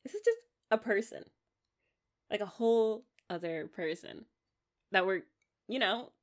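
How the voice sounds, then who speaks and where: In a mid-range voice close to her everyday one, a young American woman speaks at a measured pace as an affectionate, eager wife in an intimate ASMR romance roleplay. She rambles and coaxes gigglingly, in a playful, musing mood.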